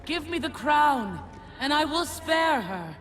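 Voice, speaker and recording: An actress playing a regal, sinister sorceress in a video game, speaking in a formal, imperious and measured way. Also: female voice, high voice, sing-song, exaggerated voice. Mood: menacing. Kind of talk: dramatic video game acting.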